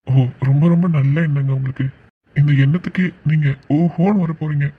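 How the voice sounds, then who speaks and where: A man's voice: on the high side, fairly even intonation, brisk, slightly rough, phone-quality sound. A man voicing a joking young man who teases his sweetheart with mock-polite sarcasm in a cartoon love story. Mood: sarcastic. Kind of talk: cartoon voice acting.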